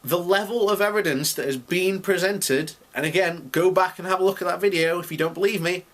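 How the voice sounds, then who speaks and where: Brisk and a bit bright, this man's voice sits high as he delivers opinionated, unscripted commentary as a video blogger. His tone is indignant and emphatic, and he repeats points to drive them home.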